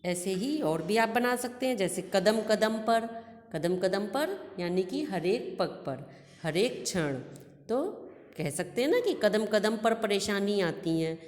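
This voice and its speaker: A woman's voice: medium pitch, expressive, a little slow, darkish tone. A woman teacher giving a recorded grammar lesson, patiently explaining each example twice. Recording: echoey room with long reverb.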